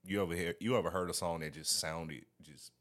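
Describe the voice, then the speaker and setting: A young man, a guest DJ, talks in a relaxed, halting way full of fillers. His voice is very deep. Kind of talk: casual chat.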